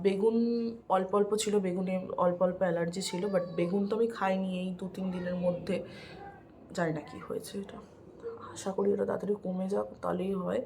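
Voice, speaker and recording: A woman's voice: fairly low pitch, vocal fry, mellow, a little hiss or hum. A woman vlogger chatting casually to her viewers, mixing English words into her Bengali. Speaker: family vlogger. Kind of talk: casual vlog chat to viewers.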